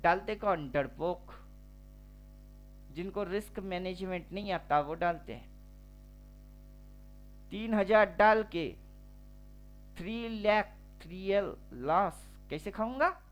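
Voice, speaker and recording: A man's voice: sits high, slow pace, pauses often, faint music behind. A man teaching trading over a chart, slangy and teasing, firing off rhetorical questions.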